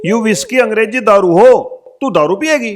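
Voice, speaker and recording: A man playing a rough, scolding husband in a village comedy sketch. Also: high-pitched, lively intonation, moderate pace. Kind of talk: rustic comedy acting.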